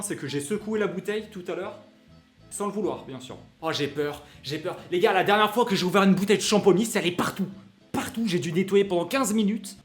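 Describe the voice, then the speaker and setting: Excitable young man streaming a cooking session. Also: sits high. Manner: excitable, jokey, reads chat aloud. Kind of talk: live-stream cooking chat. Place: home kitchen. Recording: faint music behind.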